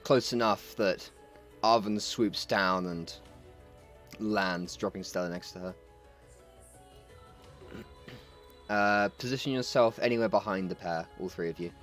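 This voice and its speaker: A man's voice: on the low side, unhurried, pauses often, fairly bright tone, soft background music. A man narrating as game master of a tabletop game, loose and full of fillers.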